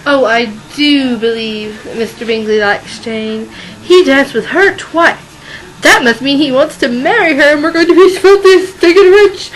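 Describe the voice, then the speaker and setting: A woman's voice: fairly high pitch, fairly even intonation, unhurried, few pauses, a bit bright, poor audio. A woman voicing a greedy, money-obsessed mother who cackles and shrieks theatrically. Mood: scheming. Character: greedy, shrill, money-mad middle-aged mother.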